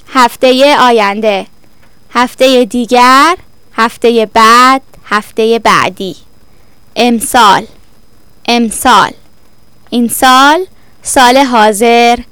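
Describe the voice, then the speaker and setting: Woman slowly reading a vocabulary list. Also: fairly high pitch, fairly bright tone, clean tone, no echo. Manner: measured, deliberate dictation. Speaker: vocabulary teacher. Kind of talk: slow vocabulary drill, each word repeated then explained.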